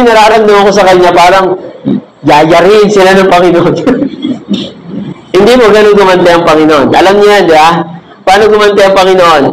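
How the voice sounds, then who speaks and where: High-voiced man preaching in an echoey room. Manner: switches between Tagalog and English, slows to stress key phrases. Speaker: cell group leader. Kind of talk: sermon. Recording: echoey room with faint ambient noise.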